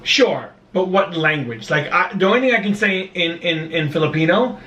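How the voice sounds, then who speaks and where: A man co-hosting a vlog in casual chat, rambling and self-deprecating, with halting restarts. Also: high-pitched, expressive, sharp tone. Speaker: vlog co-host. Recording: roomy echo.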